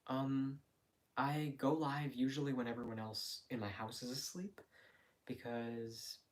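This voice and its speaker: A man talking casually and quietly on a late-night livestream from home, in a hesitant, rambling, reflective way. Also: medium pitch, little pitch movement, measured pace. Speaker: live streamer. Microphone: phone.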